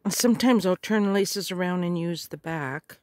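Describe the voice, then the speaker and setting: A middle-aged woman, a little hoarse, chatting casually and gushing as she opens craft supplies. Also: lowish voice, a little mellow, no echo, studio quality. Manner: gushing, slow and murmuring. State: hoarse, clearing her throat. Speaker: craft vlogger. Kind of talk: casual unboxing chat.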